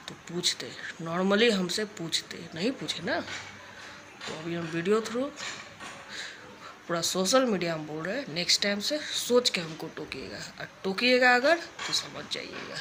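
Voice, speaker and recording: Sharp-voiced young woman scolding on camera. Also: on the low side, animated, unhurried, long pauses, slight background noise. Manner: scolding, confrontational, repeats warnings. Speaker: vlogger. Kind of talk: direct-to-camera rant vlog.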